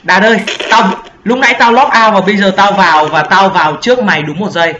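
Chatting with friends mid-game, this young man is high-pitched and fast, joking excitably and cursing casually. He hosts a gaming channel, and his voice chat mic gives an echoey, dull lo-fi sound with slight background noise.

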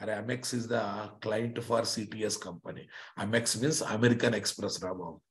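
A man's voice: fairly low pitch, steady tone, moderate pace. A middle-aged man with a Telugu Indian accent teaches a live online technical class, speaking emphatically, repeating points and checking with rhetorical questions. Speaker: software trainer.

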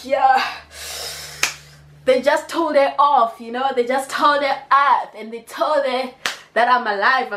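Lively young South African woman, echoey room. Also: sits high, a little hiss or hum. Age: young adult. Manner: animated, slangy storytelling with repetitions. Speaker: YouTuber. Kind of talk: storytime vlog, casual chat. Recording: echoey room with faint music.

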